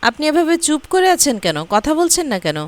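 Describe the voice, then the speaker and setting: A woman's voice: high voice, sing-song. A woman reading as a suspicious scheming plotter woman. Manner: quick, questioning, suspicious.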